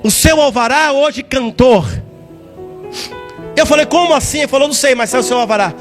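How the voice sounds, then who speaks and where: High-voiced fervent preacher man. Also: a little fast, over music. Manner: fervent, sing-song preaching, repeats words, rises to shouts. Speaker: testimony giver in church. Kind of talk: preached testimony.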